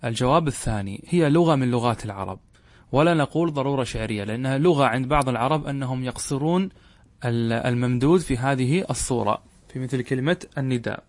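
Measured male Arabic grammar teacher. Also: medium pitch, no echo. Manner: measured, repeats key points, asks rhetorical questions. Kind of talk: classroom lesson explaining a text.

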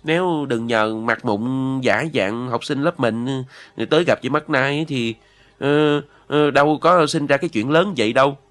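A man's voice: medium pitch, unhurried, fairly bright tone, lightly acted. A man reading a novel aloud, voicing a blunt short-haired schoolgirl who scolds her classmates and stumbles over her words. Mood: reproachful.

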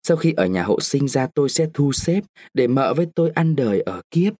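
A man reading a story, voicing a wealthy, married older gentleman who persuades a young woman in a lecturing tone. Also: medium pitch, very animated, fairly quick, slightly rough, dry recording, studio quality, voice pushed up. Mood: persuasive.

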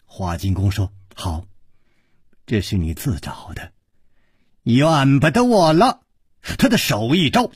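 A man telling a martial-arts tale in a traditional storytelling style, slow and dramatic. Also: high-pitched, husky, no room sound, studio quality.

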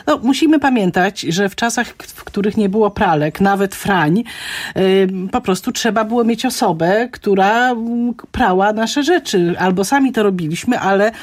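A woman's voice: medium pitch, lively intonation, normal speed. Female language expert guest, radio studio, patient explanatory delivery with hesitations. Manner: thoughtful, explanatory, many fillers. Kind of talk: radio chat explaining words.

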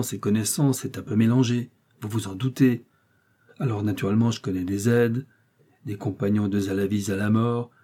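Audiobook: male reader voicing a brawny heartbroken street tough, dark husky tone, exclamatory. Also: fairly low pitch. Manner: emotional, pleading, exclamatory. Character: huge lovesick Parisian tough guy, grieving.

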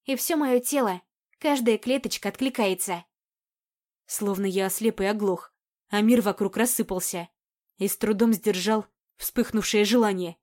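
A woman narrating a first-person romance audiobook in an intimate, even, unhurried reading. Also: mid-range voice. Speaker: audiobook reader.

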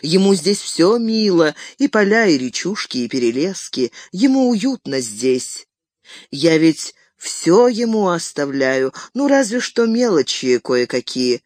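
A reader voicing an old male hobbit who stammers and grows shrill and possessive, in an audiobook reading. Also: sing-song, a little slow, darkish tone, no echo, studio quality. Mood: wistful. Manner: stammering, turns shrill and grasping.

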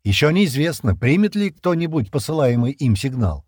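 Man voicing Stan, gruff mocking pilot. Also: mid-range voice, sing-song, normal speed, a little mellow, no echo, studio quality, voice pushed up. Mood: calm, confident. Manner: curt, sneering, commanding. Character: gruff cocky male spaceship pilot, bossy and mocking.

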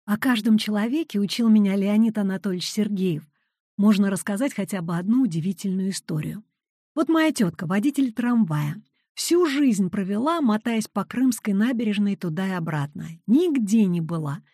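Woman author, wry anecdotal reading, mid pitch, dry close sound. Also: expressive, moderate pace, mellow, dry recording. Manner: wry storytelling with quoted dialogue. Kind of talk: literary reading.

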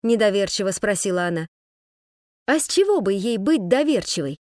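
A woman narrates an audiobook in a lively, ironic storytelling manner. Her voice sits at an ordinary middle pitch. The recording is dry and close, with no room echo. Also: normal speed.

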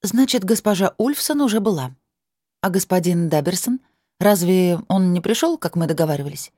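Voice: mid-range voice, expressive, moderate pace, warm tone, no room sound, clean studio sound, pitched above the performer's own voice, natural voice. A narrator voicing a fiercely protective young mother who talks urgently and indignantly.

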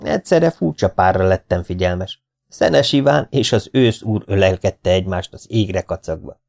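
A man's voice: sits low, expressive, vocal fry, darkish tone. A man narrating a memoir audiobook in a wry storytelling manner. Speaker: audiobook reader.

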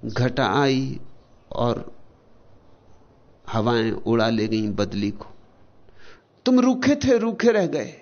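A man giving a spiritual discourse, slow and deliberate, setting out single words one at a time with long pauses between them. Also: mid-range voice, lively intonation, dull audio. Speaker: spiritual teacher.

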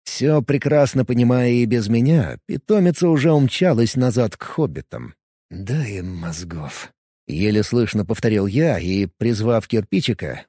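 A man narrating a fantasy novel in first person with lively storytelling. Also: medium pitch, no echo, studio quality. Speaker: audiobook narrator.

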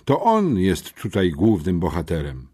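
A man's voice: low-pitched, huge pitch swings, unhurried, mellow, husky, heavily acted. A man voicing a determined, curt teenage schoolboy detective in an audiobook, speaking firmly. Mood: earnest. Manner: stern, curt.

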